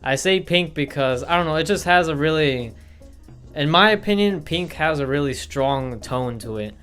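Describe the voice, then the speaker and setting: A man's voice: a little high, lively intonation, normal speed, a bit bright, clean tone. Young man, vlogger, loose rambling delivery, faint guitar music underneath. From Milwaukee, Wisconsin, USA. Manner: rambling, filler-heavy, self-correcting. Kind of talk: casual facts-about-me vlog. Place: indoor room with studio lights. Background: faint background guitar music.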